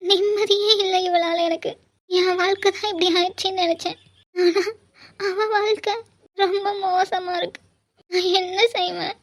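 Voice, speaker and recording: A woman's voice: extremely high pitch, level tone, darkish tone. A woman voicing a heartbroken mother who cries and stammers over her daughter in a cartoon drama. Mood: grieving. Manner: halting, stammering speech. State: crying. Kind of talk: cartoon voice acting.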